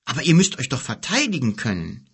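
An earnest, defiant boy hero, as an audiobook reader puts him on. The raised voice stays husky and a bit gravelly underneath, pushing forward with urgent, lively emphasis. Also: a little fast, heavily acted. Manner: higher, urgent and insistent. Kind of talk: audiobook character reading.

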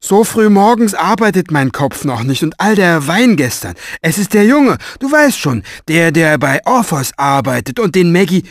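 A man voicing a big, good-natured strong man who blurts everything out loudly and gets flustered. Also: a little high, sing-song, moderate pace, few pauses, no echo, pitched above the performer's own voice.

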